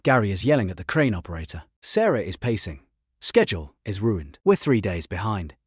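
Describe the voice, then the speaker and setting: Husky deadpan male storyteller. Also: fairly low pitch, a little fast, no echo. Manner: dry, deadpan delivery in short clipped sentences. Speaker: story narrator. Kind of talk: first-person story narration.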